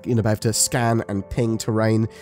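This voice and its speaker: Low-voiced man, ill and sore from talking. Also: level tone, fast talker, darkish tone, faint music behind. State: ill with covid, sore and painful to talk. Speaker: gaming video host. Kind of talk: casual scripted-notes commentary on game updates.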